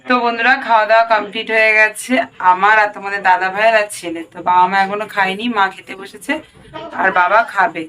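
A woman's voice: mid-range voice, fairly even intonation, quick pace, sharp tone. A woman vlogging her daily routine as a home tutor, chatting casually and directly with her viewers.

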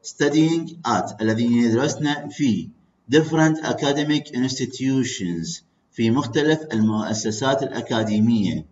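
A man with an Iraqi accent teaching English vocabulary, switching between English and Arabic, repeating words slowly and checking in with "okay" and "clear". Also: mid-range voice, a little mellow. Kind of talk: bilingual classroom lecture. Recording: echoey muffled classroom recording.

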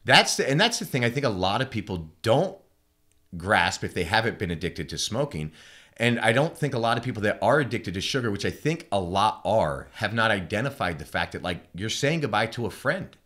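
A man hosting a podcast who speaks in an agreeable, rambling way, with halting restarts and frequent "right?". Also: lowish voice, very animated, bright, forceful tone. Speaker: podcast host. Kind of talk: casual podcast conversation.

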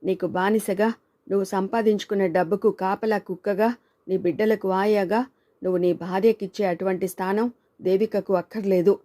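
A woman's voice: medium pitch, fairly even intonation, normal speed, dark tone, close to an everyday voice. A woman voicing a man who fiercely protects a writer friend in a storybook reading, scolding and defiant.

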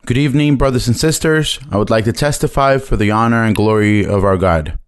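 Smooth low-voiced man interpreting. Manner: measured, plain delivery. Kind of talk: live interpreting of a testimony. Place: church hall. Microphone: handheld mic.

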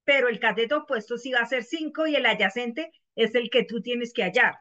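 A woman's voice: a little high, brisk, bright, forceful tone, highs cut off. A woman teaching math in an online class, patiently explaining and asking her students questions over and over.

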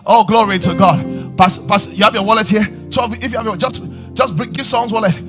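A man preaching a sermon on a church stage, asking the crowd questions and rising to shouts as he moves about. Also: high-pitched, fairly quick, over music. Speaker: pastor. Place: large church stage with audience.

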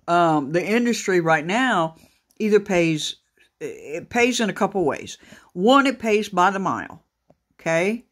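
A truck driver talks to his audience in a slow, unhurried way. He stops and restarts often and fills pauses with ums and uhs. It sounds like an off-the-cuff video recorded by phone. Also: a little high, a bit bright. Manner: unhurried, halting, many fillers and restarts. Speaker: trucker vlogger. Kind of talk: casual talk to camera. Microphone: phone camera pointed at a laptop screen.

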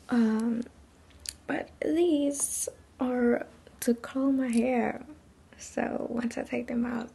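A young woman vlogging her morning beauty routine, her croaky morning voice low on energy and gravelly at the edges. She talks at an unhurried pace in a slangy, chatty way, often sinking to a near-whisper, and her voice sits fairly high. A faint room hum runs behind her. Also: dark tone. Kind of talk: casual get-ready-with-me vlog.

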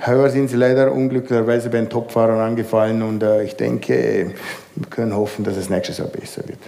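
A man in his sixties speaking as a guest in a stage discussion, measured and hesitant, in a large hall. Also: on the low side, little pitch movement, gravelly, dark tone. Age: 60s.

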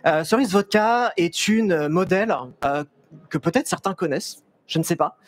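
A young man, a photographer, giving a lively, chatty talk on a fair stage through a headset mic, with many restarts and small jokes to the audience. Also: high voice, moderate pace, soft background music. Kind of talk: live stage presentation. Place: stage at a trade fair, large indoor hall.

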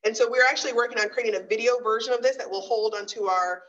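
A woman with a bright, forceful voice gives a lively conference lecture, slipping in sarcastic asides. She sits on the higher side of pitch and sounds a little distant from the mic. The recording is dull and lo-fi. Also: fast talker. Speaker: guest speaker.

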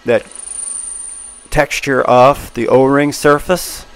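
Speaking slowly at a medium pitch with fairly steady intonation, a sixty-something machinist who hosts a channel gives easygoing commentary on his work. Machines and power tools sound plainly in the background of his indoor shop.

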